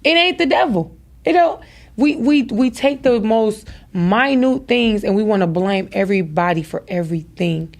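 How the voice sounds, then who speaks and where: This podcast host, an adult woman with daughters, has a slightly mellow, medium-pitched voice at a moderate pace. Addressing listeners directly like a preacher, she motivates them with emphatic, repeated phrasing.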